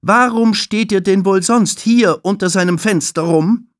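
A man voicing a strict adult woman receptionist at a safari park, loud and suspicious as she scolds. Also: high voice, expressive, unhurried, no echo, studio quality, pitched above the performer's own voice. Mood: accusing.

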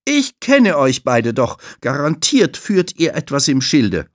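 A man voicing a strict adult woman receptionist at a safari park, loud and suspicious as she scolds. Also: sits high, lively intonation, a little slow, no room sound, studio quality, pitched above the performer's own voice. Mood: stern.

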